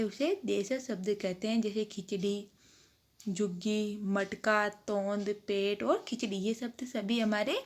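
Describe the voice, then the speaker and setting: A woman teacher giving a grammar lesson to children, drawing out example words and asking the class questions. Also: mid-range voice.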